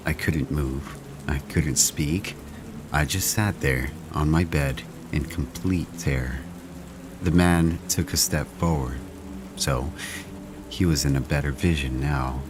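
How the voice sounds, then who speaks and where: A man narrating first-person horror stories in a slow, measured, hushed way. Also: a bass voice, background noise.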